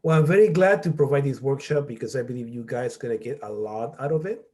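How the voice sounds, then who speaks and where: Speaking quickly in a mid-range, darkish voice, a middle-aged man from Peru leads an online workshop as a college professor. He breaks ideas down step by step, often pausing to ask "okay?".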